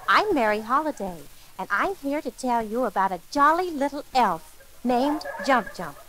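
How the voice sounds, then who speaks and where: A woman narrating a children's story for an old record in a sweet, gently theatrical way, talking kindly to a little elf. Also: on the high side, animated, normal speed, very noisy. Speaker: storyteller and host.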